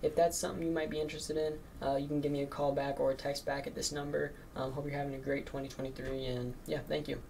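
A man's voice: fairly high pitch, flat delivery, fast, vocal fry, hardly any pauses, a little mellow, slight background noise. A man in his late teens making sales cold calls and talking between them, nervous and full of fillers like "um" and "like". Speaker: marketing agency owner cold calling. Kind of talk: recorded cold calls and casual commentary.

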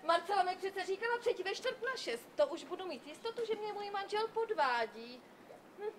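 An actress playing a jealous, flighty young wife in an amateur stage farce, full of theatrical exclamations. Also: female voice, very high voice, lively intonation. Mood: suspicious. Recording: noisy live stage recording.

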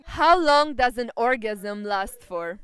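Woman interviewer, brisk quiz host, high and crisp, outdoor street. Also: lively intonation. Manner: brisk, reads out questions.

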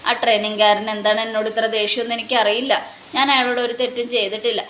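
A woman retelling a serial gives voice to an upset young woman police trainee, worried and troubled. The voice stays fairly high and plain, recorded in an echoey room with faint noise behind. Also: flat delivery, fast, a bit bright, close to an everyday voice. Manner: plain retelling voice, barely changed.

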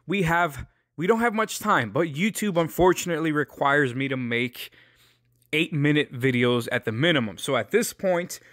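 A man's voice: a little high, moderate pace, fairly bright tone, dry recording, studio quality. A young man hosting a casual car video, brash and joking, swearing freely. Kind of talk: casual car review monologue.

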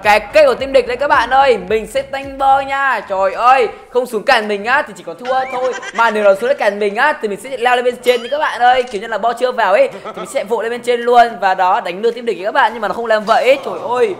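A woman's voice: a little high, fast, few pauses. A woman hosting a gaming channel, giving playful, teasing commentary as she plays, laughing often. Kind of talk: casual game commentary. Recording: game music behind the voice.

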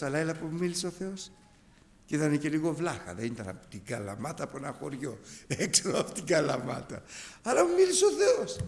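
A man in his fifties preaching a sermon to his congregation, animated and emphatic. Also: a little high, vocal fry. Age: 50s. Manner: animated, emphatic, addresses brethren. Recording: hall reverb.

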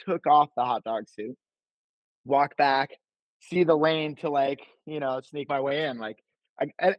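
A man's voice: fairly high pitch, no echo, poor audio. Laid-back young guy from Jersey, rambling. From New Jersey. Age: young adult. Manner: laid-back, filler-heavy, says "like" constantly. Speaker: podcast guest, baklava vendor. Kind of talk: casual chat, rambling storytelling.

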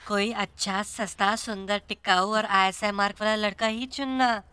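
An actor playing a flirty, scheming middle-aged aunty who talks in a coy, teasing way. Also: male voice, high-pitched, fairly even intonation, normal speed, bright, forceful tone, clean tone, dry recording.

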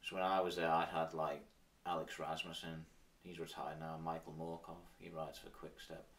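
Manx guy in his thirties, deep voice, casual interview chat, bit far from the mic. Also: little pitch movement, moderate pace, a bit bright. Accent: Manx, Isle of Man. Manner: informal, with frequent "sort of" and "like". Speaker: interview guest, former professional cyclist.

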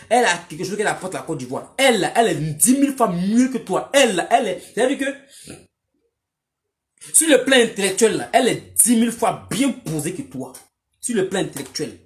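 A woman scolds a man in a long commentary monologue. She mocks him and hammers her points home through repetition, keeping her voice at an average pitch. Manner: mocking, scolding, repetitive and emphatic. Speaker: online commentator.

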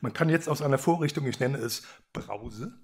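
A man voicing an eager young plumber who is excited about his invention. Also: mid-range voice, normal speed, close to an everyday voice.

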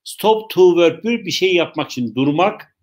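Here a man delivers a live English lesson online, taking it slowly, repeating his points and joking with questions from those watching. He sounds high-pitched and animated.

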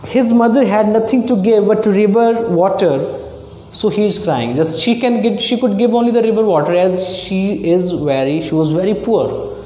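A man teaching a story to a class, explaining it line by line and often pausing on fillers and restarts. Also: on the high side, dark tone. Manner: halting, many fillers and restarts. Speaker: English teacher. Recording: echoey room with long reverb.

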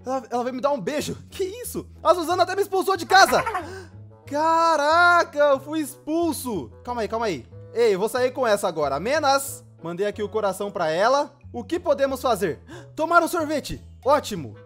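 A man with a Brazilian Portuguese accent giving playful gameplay commentary, excitable and joking to the viewer. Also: very high voice, fairly quick, faint music behind. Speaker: gaming YouTuber.

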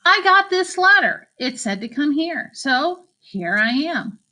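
A woman's voice: high-pitched, big pitch swings, slow, pushed and bright, voice pushed up, full character voice. A laid-back teenage stoner boy who drawls in loose slang, as a woman narrator puts him on. His lines come out lifted and easygoing. An audiobook reading.

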